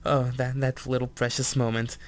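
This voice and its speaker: A man's voice: mid-range voice, little pitch movement, moderate pace, no echo. A man co-hosting a podcast, chatting casually about a TV episode in a rambling way with many fillers and restarts. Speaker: podcast co-host. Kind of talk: casual TV episode review chat.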